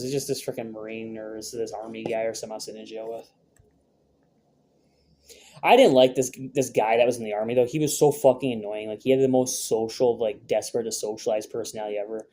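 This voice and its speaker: A man's voice: on the low side, level tone, quick pace, dark tone, slight background noise. A young man vlogging, telling a rambling, profane story in a brash, casual way with many fillers.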